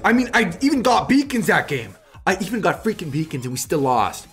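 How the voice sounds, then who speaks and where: A fairly high-voiced man commentates his game like a hyped gamer bro. He talks in excitable exclamations and repeated phrases, with music playing underneath. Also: brisk, breathy edge. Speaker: gaming video host. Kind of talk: live gameplay commentary.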